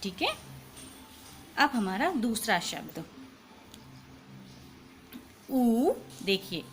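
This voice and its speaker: Slow patient woman teaching children. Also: fairly high pitch, very animated, a bit bright, a little hiss or hum. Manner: slow, patient, explains and repeats sounds. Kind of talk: Hindi lesson for children.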